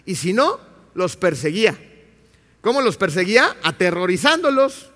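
High-voiced preacher in an echoing church. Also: male voice, moderate pace. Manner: animated, emphatic, rhetorical questions to the congregation. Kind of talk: sermon. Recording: long reverb of a church hall.

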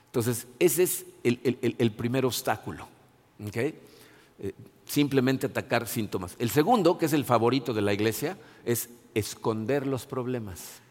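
A man's voice: medium pitch, normal speed, a little mellow. A middle-aged male pastor, giving an earnest, conversational sermon full of restarts and repeated words. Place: church. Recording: long hall reverb.

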